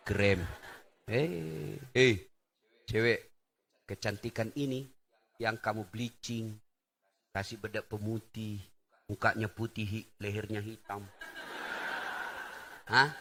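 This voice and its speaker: A middle-aged man from Indonesia delivering a lively sermon, swinging between loud exclamations and soft asides. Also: fairly low pitch. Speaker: preacher. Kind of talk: lively sermon to a live audience.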